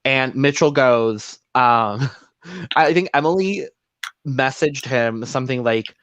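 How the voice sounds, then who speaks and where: A man's voice: medium pitch, animated, slow pace, fairly bright tone, no echo. A man co-hosting a casual podcast, recapping a show and slipping into playful voices for quotes. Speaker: podcast co-host.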